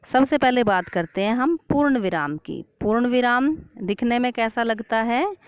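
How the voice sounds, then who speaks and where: A woman's voice: on the high side, lively intonation, dry recording. A woman teaching a Hindi grammar lesson to children, asking questions and then answering them herself. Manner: slow, clear classroom explanation. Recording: dull lo-fi sound.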